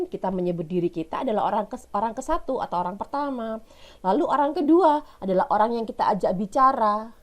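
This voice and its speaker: A woman teacher with an Indonesian accent giving a recorded lesson, explaining step by step and asking her pupils questions she answers herself. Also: mid-range voice.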